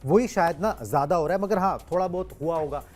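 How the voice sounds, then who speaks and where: A man's voice: fairly high pitch, fast talker, darkish tone, soft background music. Chatty male cricket show host. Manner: chatty, explanatory, with Hindi idioms and fillers. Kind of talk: cricket news discussion.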